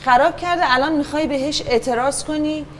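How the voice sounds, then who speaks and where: A woman teaching a children's acting class, patient and encouraging, giving instructions and asking the class to keep quiet and pay attention. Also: high voice, slight background noise.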